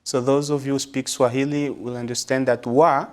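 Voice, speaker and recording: A religious brother and psychologist from Congo answers interview questions in a measured, thoughtful way, pausing and using fillers often. His medium-pitched voice is a little mellow and barely moves in pitch.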